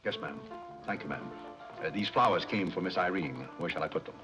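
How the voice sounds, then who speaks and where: Man playing a deep-voiced deadpan butler, screwball comedy. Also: close to an everyday voice. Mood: polite deadpan. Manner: formal, deadpan, measured. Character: composed, deferential, dryly dignified male butler. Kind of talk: 1930s screwball comedy banter. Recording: old 1930s film soundtrack, music behind.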